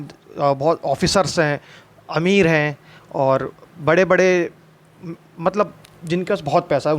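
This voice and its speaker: A man explaining a history lesson in a conversational way, asking questions and answering them himself, with English terms mixed in and frequent restarts. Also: on the high side. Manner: conversational, asks and answers his own questions. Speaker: teacher.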